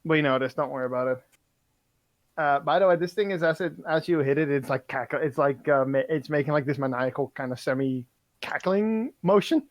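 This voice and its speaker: A man's voice: a little high, a little fast, no room sound. Guy running a tabletop game, swears a lot, dry close mic, lots of uh's. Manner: loose, swearing narration full of fillers. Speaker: game master.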